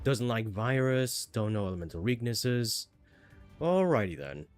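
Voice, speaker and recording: Soft background music accompanies a very animated gaming streamer speaking at a measured pace and medium pitch. He's got a stuffy nose from a cold and chats casually through his game, thinking aloud with many fillers and restarts.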